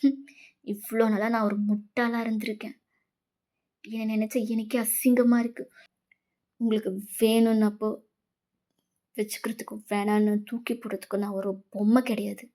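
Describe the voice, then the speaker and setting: A woman plays a heartbroken young woman, her voice a touch high yet soft and mellow. She pleads and accuses through tears in a fan fiction voice-over. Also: flat delivery, normal speed, pauses often, close to an everyday voice. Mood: bitter.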